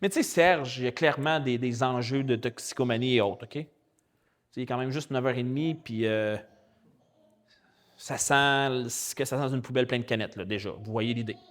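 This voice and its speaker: A man with a Québécois French accent, a pastor preaching a sermon in a lively, colloquial storytelling way. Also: medium pitch, fairly quick. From Quebec. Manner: animated, colloquial and chatty, with spoken English slang.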